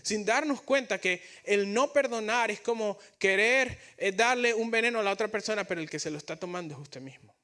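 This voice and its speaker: An earnest male pastor delivering a sermon, with a voice pitched a little above usual. He often repeats and restarts words as he builds toward his points. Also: a little fast, few pauses, bright, forceful tone.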